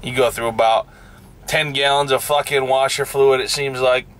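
Sitting in his truck cab and talking to a dashboard camera, a young truck driver vlogs casually in a blunt, profane way, his voice rising and heating up into a rant. His voice is mid-range and a bit bright, with fairly even intonation and a moderate pace.

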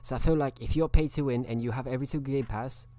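A man's voice: mid-range voice, steady tone, fast talker, warm tone. A man streaming a video game live, chatting casually and greeting viewers by name.

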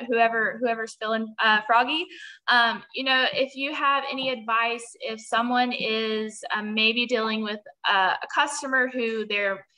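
A woman's voice: on the high side, bright, forceful tone, low-quality recording. A young woman moderating a webinar Q&A on a video call, friendly, with many "um"s and restarts. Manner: friendly, many "um"s and repeated words. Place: small room. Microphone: built-in mic on a video call.

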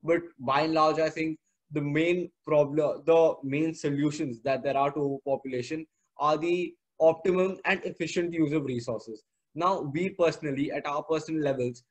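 Young Indian man, slightly higher-pitched voice. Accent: educated Indian English. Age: teenager, about 16 or 17. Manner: earnest, formal wording. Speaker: student presenter. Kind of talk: formal slide presentation.

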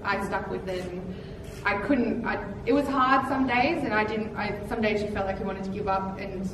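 A woman's voice: mid-range voice, moderate pace. Young Australian woman tradie, chatty, distant mic with room hiss. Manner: chatty, with fillers and laughs. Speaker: qualified electrician, panel member. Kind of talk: panel discussion. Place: large plain meeting room, seated at table. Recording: echoey room from far off, noisy.

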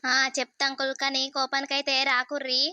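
A woman's voice: high-pitched, completely flat delivery, a little fast, pushed and bright, no room sound. A woman voicing a scheming young village man, coaxing the elders and bossing his friend.

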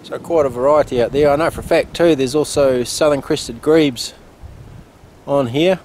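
A man's voice: medium pitch, moderate pace. New man, windy outdoor vlog. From New Zealand. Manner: relaxed, explanatory, plain-spoken. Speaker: photographer vlogger. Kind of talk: casual vlog narration. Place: outdoors by a lake and canals, windy. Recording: outdoor wind noise on camera mic. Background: wind noise.

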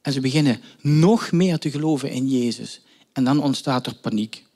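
A man's voice: medium pitch, normal speed, darkish tone. A male preacher telling a story in a sermon, with emphatic questions and thoughtful hesitations.

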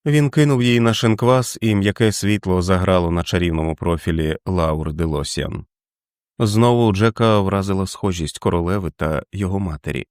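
Low-voiced male audiobook reader. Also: no room sound, studio quality. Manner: steady, measured reading. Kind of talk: scripted narration.

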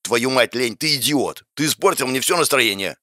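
A man voicing a hot-tempered spirit of wrath who shouts and swears in an audiobook. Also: mid-range voice, expressive, moderate pace, no echo, studio quality. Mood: furious.

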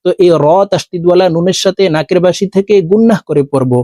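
Male Quran tutor with a Bangladeshi Bengali accent: high-pitched, unhurried, dry close-miked studio sound, spells letters then chants each verse long. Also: warm tone, no room sound. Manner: slow, letter-by-letter teaching with drawn-out chanted recitation. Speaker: Quran recitation teacher. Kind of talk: spelling out and reciting a short surah.

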